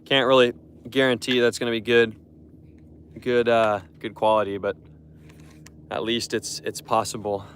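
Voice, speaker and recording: A man's voice: lowish voice, level tone, normal speed, long pauses, a bit bright, a little hiss or hum. A young man chatting casually to his live stream viewers while fishing from a boat on a lake, rambling and repeating himself. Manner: rambling, repeats words, talks to chat.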